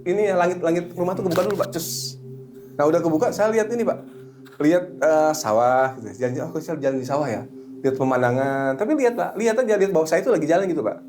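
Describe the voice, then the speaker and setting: A middle-aged man who works as a hypnotherapist, chatting casually and telling animated stories, sometimes slipping into a slow, soothing suggestion voice. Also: a little high, slight background noise. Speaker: hypnotherapist guest. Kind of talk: casual chat.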